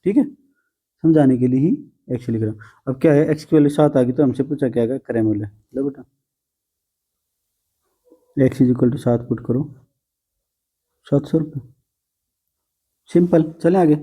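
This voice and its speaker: A man's voice: medium pitch, normal speed, long pauses, dark tone, slightly rough. A man teaching a math lesson to students, patient and coaxing, often calling them "beta" and teasing them a little.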